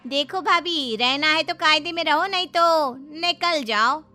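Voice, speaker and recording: A woman playing a sharp-tongued young sister. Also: sits high, measured pace, faint music behind, pitched above the performer's own voice. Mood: scolding.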